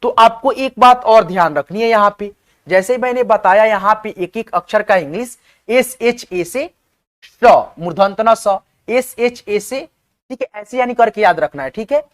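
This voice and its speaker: A man's voice: high voice, a little slow. A male teacher explaining spelling step by step to his viewers, often repeating himself and checking that they follow. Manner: repetitive, addresses viewers as friends, checks in often. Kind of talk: online class explanation.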